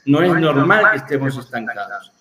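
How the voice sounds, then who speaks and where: A middle-aged man, recounting his path as a therapist in a relaxed, reflective way, pausing often on fillers. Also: mid-range voice, a loud crowd. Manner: reflective, frequent fillers like "este". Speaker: therapist and guest. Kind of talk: casual storytelling interview. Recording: echoey room, distant from mic.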